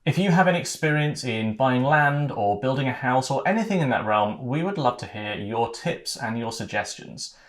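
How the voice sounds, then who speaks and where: A man in his thirties talking to camera in a casual vlog, earnest and thoughtful, with a few ums. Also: medium pitch. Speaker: vlogger.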